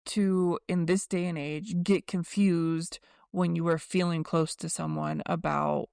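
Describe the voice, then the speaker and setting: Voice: mid-range voice, flat delivery, a little slow, creaky, darkish tone, smooth, no room sound, clean studio sound. A podcast co-host talking candidly and self-deprecatingly in a casual faith chat.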